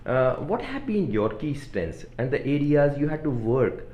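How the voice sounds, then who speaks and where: A man's voice: mid-range voice, sing-song, measured pace, warm tone, reverberant. A man hosting an interview as a leadership coach, upbeat and enthusiastic as he asks his questions.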